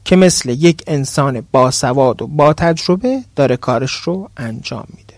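A man's voice: medium pitch, expressive, dry recording. Storybook ship captain, kindly but commanding; a male narrator reads him, dry and close. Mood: firm.

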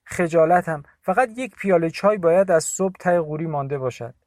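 A man's voice: fairly high pitch, a little mellow, voice pushed up, close to an everyday voice. A man voicing a sniffling, apologetic village woman in an audiobook. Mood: embarrassed. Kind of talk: audiobook character voice.

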